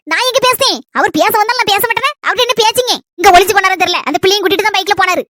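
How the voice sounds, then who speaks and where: A woman plays a fretful cartoon village mother with a Kanyakumari Tamil accent, her voice very high and piercing. She rattles off gossip and complaints at a fast clip, dry and close to the mic. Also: pushed and bright, dry recording. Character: scheming, fretful middle-aged village mother.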